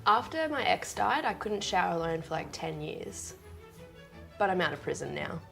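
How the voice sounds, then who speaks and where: A woman telling dark dad jokes as a challenge contestant, with a question or setup and then the punchline. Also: lowish voice, big pitch swings, normal speed, gravelly, music in the background. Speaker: contestant in a try-not-to-laugh joke challenge.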